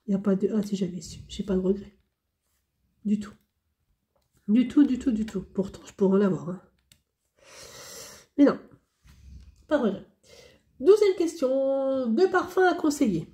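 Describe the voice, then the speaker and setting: A woman's voice: on the high side, expressive, normal speed, long pauses, warm tone. A woman vlogger chatting candidly and rambling as she answers tag questions, often repeating herself. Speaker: hobby vlogger.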